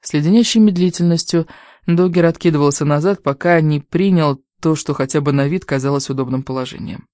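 A man narrating a first-person novel as an audiobook reader, in a steady storytelling delivery that rises for quoted lines. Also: a little high, a little fast, no room sound, clean studio sound.

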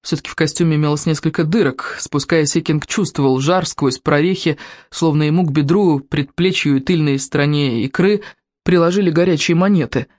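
An audiobook narrator reading a children's adventure story with lively, expressive storytelling. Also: medium pitch, brisk, no room sound, clean studio sound.

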